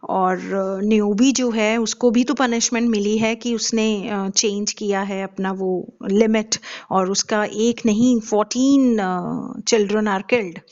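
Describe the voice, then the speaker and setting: Slow, deliberate woman teaching literature. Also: mid-range voice, fairly even intonation, a little mellow. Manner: slow and deliberate, with many hesitant fillers and questions to the class. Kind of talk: lecture mixing Hindi and English. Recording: dull lo-fi recording.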